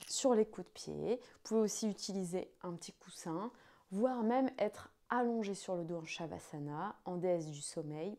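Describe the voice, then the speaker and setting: A woman's voice: mid-range voice, dark tone. A woman speaking as a yoga teacher, giving an instructional explanation to students.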